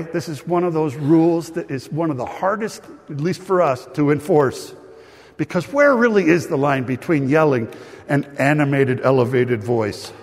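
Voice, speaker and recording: A male pastor preaching a sermon to a live congregation, animated and joking with the crowd. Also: on the high side, in a large hall.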